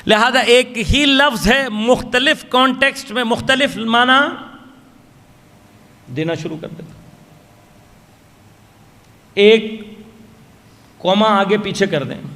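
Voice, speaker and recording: High-voiced man preaching in a reverberant mosque. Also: animated, pushed and bright. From Pakistan. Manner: measured, explanatory, asks the audience rhetorical questions. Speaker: Shia cleric giving a majlis sermon. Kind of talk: religious lecture. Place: large mosque hall. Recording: long hall reverb from a mosque PA. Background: long reverb.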